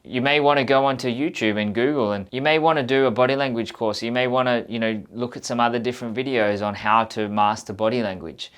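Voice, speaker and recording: A man's voice: mid-range voice, steady tone, fast talker, few pauses, fairly bright tone, smooth. A man giving an instructional, conversational coaching talk, speaking directly and earnestly to the viewer and repeating points for emphasis. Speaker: communication coach presenting a how-to video.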